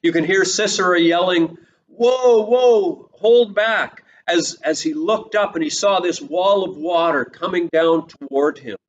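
A pastor preaching a sermon and retelling the story, breaking into quick voiced lines for its people. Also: male voice, on the high side. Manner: retells the story and quotes its people in lively snatches of voice. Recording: slightly dull recording with faint hiss.

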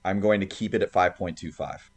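Low-pitched man in casual podcast chat. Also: a little fast. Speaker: podcast co-host.

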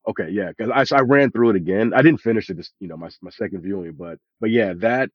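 A man's voice: fairly low pitch, fast talker, no room sound. A man heard over a video call, chatting casually about a movie, laid-back, with lots of "like" and "you know". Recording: dull lo-fi video call audio.

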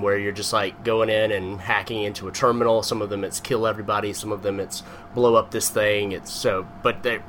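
A man co-hosting a casual gaming podcast, telling a rambling, animated story full of fillers. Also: fairly low pitch, slight background noise. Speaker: podcast co-host. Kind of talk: casual chat.

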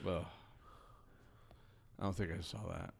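A man's voice: low-pitched, fairly even intonation, a little slow, gravelly, a little mellow, slightly rough. A man in a casual film discussion, a co-host who is blunt and contrarian. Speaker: podcast co-host.

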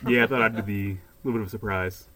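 A man co-hosting a podcast puts on a nerdy, nasal, higher voice and talks quickly and chattily. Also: fairly even intonation, crowd noise, lightly acted. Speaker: podcast co-host.

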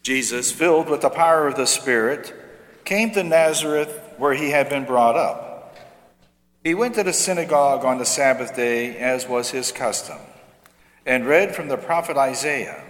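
A man giving the gospel reading at Mass in a formal, measured way, his voice carrying a long church reverb. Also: mid-range voice, fairly bright tone. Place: large church. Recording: long echo of a large church.

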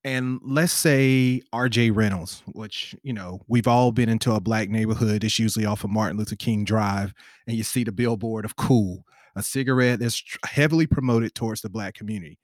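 A man in a casual panel discussion, making an animated, pointed argument. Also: fairly low pitch, normal speed, no echo, studio quality.

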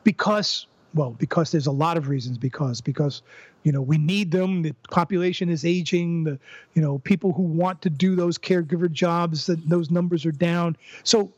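A man's voice: fairly high pitch, normal speed, no room sound, highs cut off. An older man, a former professor, talking through ideas in a podcast interview, often restarting and repeating words as he builds a point. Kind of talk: conversational interview.

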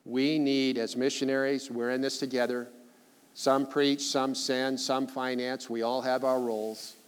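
A man's voice: medium pitch, flat delivery, unhurried, clear, resonant tone. A man in his sixties, a missionary, preaching earnestly at a church service and closing in prayer, with repeated rallying phrases. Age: 60s. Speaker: missionary speaker. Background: soft guitar music playing.

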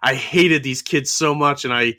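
A man's voice: medium pitch, normal speed, sharp tone. A man co-hosting a podcast, stammering and emphatic as he rants about a movie scene. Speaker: podcast co-host. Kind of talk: casual movie discussion.

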